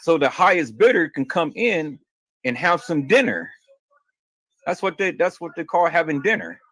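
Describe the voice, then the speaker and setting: A man's voice: fairly high pitch, sing-song, moderate pace, a bit bright, dry recording. A man in a played clip, ranting in a crude, rambling way and repeating words. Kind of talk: ranting monologue.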